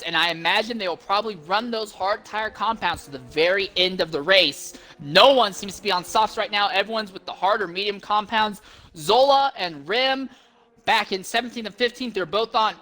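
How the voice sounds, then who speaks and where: A man's voice: high-pitched, normal speed, pushed and bright. A man giving detailed live play-by-play as a motorsport commentator.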